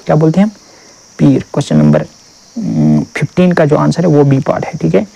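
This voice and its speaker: A man teaching exam vocabulary, reading English definitions slowly and drilling each term with repeated questions. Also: on the high side, wildly swooping pitch, creaky, dark tone, husky, low-quality recording.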